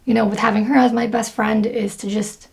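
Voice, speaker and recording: A woman's voice: fairly high pitch, little pitch movement, a little fast, vocal fry, darkish tone. A young woman talking casually to camera, chatty and full of fillers. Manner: chatty, lots of fillers and laughs. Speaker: video creator.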